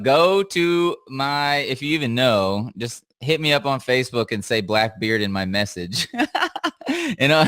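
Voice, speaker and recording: Bright, crisp-voiced hyped-up male streamer. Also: mid-range voice, no room sound. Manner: hyped and giggly, keeps breaking into laughter. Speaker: livestream host. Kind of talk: casual live-stream sign-off chat.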